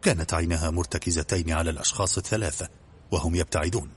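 Deep husky guy reading an audiobook fast, brisk and even. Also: a little hiss or hum. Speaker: audiobook narrator. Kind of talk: scripted audiobook narration.

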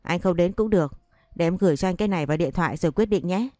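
A woman's voice: lowish voice, racing, warm tone, no room sound, clean studio sound, close to an everyday voice. A woman voicing a furious, vengeful wife who scolds and threatens, as part of a read-aloud story. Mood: coldly insistent. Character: furious betrayed wife, sharp-tongued and vengeful.

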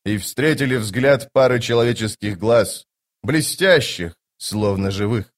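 A man narrating an audiobook in a measured, even reading. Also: mid-range voice. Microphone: home recording.

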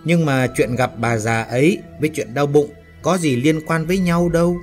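A man's voice: fairly high pitch, moderate pace, soft background music, lightly acted. A man voicing a timid young male worker who is easily frightened and full of questions. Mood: nervous. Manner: nervous, questioning.

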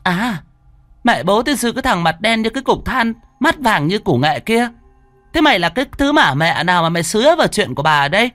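A man voicing a scheming, foul-mouthed young second wife, raising his voice high and fast. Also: very animated, fairly bright tone, no echo. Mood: screeching. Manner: sugary then screeching curses.

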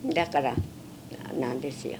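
An elderly woman with a western Japanese Chugoku accent, reminiscing in a plain-spoken, halting way during an interview. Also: a bass voice, very noisy. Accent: western Japanese, Chugoku dialect. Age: 70s or older. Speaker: oral history interviewee.

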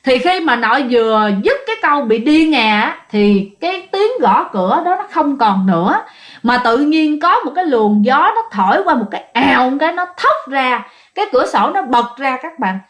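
A woman's voice: high-pitched, sing-song, normal speed, fairly bright tone. A woman narrating a ghost story, talking directly to listeners in a repetitive, conversational way.

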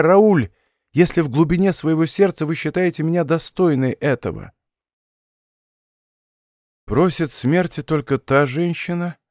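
A man's voice: a little high, a little mellow, dry recording, clean studio sound, close to an everyday voice. Give me a desperate young noblewoman, imploring and tearful, as a male reader puts her on. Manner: tearful imploring, rising to cries.

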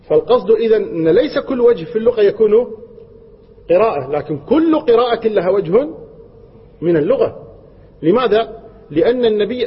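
A man's voice: sits high, slightly rough. A man giving a religious lesson on Quran verses, explaining patiently, repeating key points and posing rhetorical questions. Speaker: Quran teacher. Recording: dull lo-fi recording with long hall reverb.

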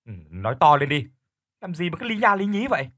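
A man voicing a stern older brother who presses loud, urgent questions into the phone. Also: high-pitched, very animated, a little fast, dry recording, studio quality, voice pushed up, heavily acted. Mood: impatient.

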